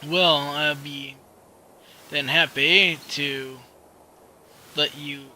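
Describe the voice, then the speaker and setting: A man reading a polite male town guard's lines from a video game in his own voice, slowly and with slips. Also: fairly high pitch, steady tone, pushed and bright, slight background noise, full character voice, low-quality recording. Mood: formal. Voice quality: halting, slow reading with slips.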